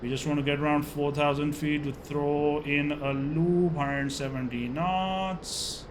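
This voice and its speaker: A man's voice: fairly high pitch, fairly even intonation, a little slow. A man giving live flight simulator airshow commentary, narrating each move in clipped phrases as he flies. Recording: clearly noisy background.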